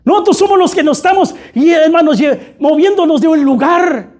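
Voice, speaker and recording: A man's voice: very high voice, moderate pace, darkish tone. A man preaching a fervent sermon, constantly calling his listeners brother. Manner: fervent, repeatedly addressing "hermano".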